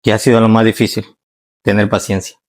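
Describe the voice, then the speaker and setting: Calm low-voiced man from Ecuador. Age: 30s. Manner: calm, measured, frequent "¿no?" tags. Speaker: interview guest, nurse. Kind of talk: casual interview answers.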